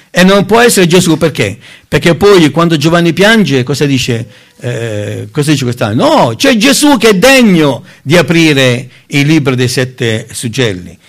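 A man preaching a Bible teaching sermon, reading scripture aloud and stressing key words. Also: a little high. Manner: emphatic, rising on key words, lively intonation; addresses listeners as brothers, reads scripture aloud.

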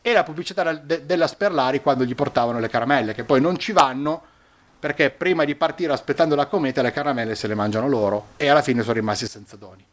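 A man preaching a sermon, emphatic and animated, raising his voice for quotations and dropping low for asides. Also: quick pace. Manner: animated, emphatic preaching with dramatic pitch swings.

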